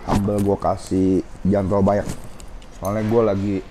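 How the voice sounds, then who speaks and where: A man's voice: deep voice, monotone, moderate pace, noisy background. A man, reviewing food in a casual vlog in a ramen restaurant, chatting to viewers as he tastes, a bit of a sore throat. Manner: chatty, keeps saying guys, tastes as he talks. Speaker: food vlogger.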